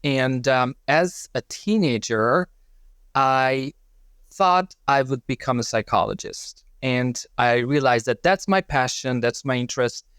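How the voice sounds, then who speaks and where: A man's voice: mid-range voice, a little slow, a bit bright, clean tone, no echo, studio quality. A man from Hungary, a lecturer, answering interview questions thoughtfully with many fillers over a remote call. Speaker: lecturer and guest. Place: joining virtually from home.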